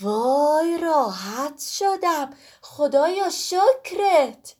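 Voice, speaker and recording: Chatty, dramatic pomegranate girl voiced by a woman, high and lively, talks nonstop. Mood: relieved. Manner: talkative, exclaiming, whiny.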